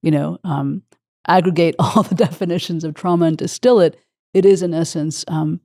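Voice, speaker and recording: A woman's voice: lowish voice, fairly even intonation, moderate pace, a little mellow, no echo, clean studio sound. A woman hosting an interview, effusive and openly emotional as she talks with her guest. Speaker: podcast host.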